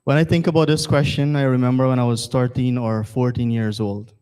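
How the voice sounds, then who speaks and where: A man's voice: mid-range voice, flat delivery, brisk, darkish tone, clean tone. A man from Guyana, chairing a temple service in an earnest, rhetorical formal address that repeats phrases for emphasis. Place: temple hall.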